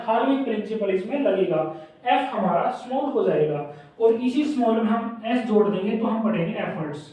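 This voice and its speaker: A man teaching a shorthand class who says each word slowly, breaks it into syllables and repeats it as he writes. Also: sits high. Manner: slow, spells words out syllable by syllable and repeats them. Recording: echoey, dull, distant room recording.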